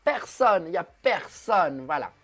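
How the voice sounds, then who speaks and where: A man's voice: high voice, big pitch swings, unhurried, fairly bright tone. A man hosting his own web TV show, rambling and self-mocking with many hesitations. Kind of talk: comic solo live stream.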